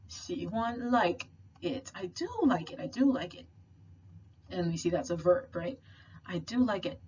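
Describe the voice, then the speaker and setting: A young woman tutoring a language class in a casual, chatty way, full of fillers and playful slang. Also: mid-range voice. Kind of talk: casual recorded tutoring lesson. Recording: slightly dull sound with faint noise.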